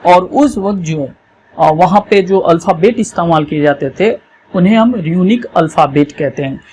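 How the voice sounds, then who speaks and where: A teacher, giving an exam revision lesson over a map, explaining slowly and often checking that students follow. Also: medium pitch, darkish tone, slight background noise.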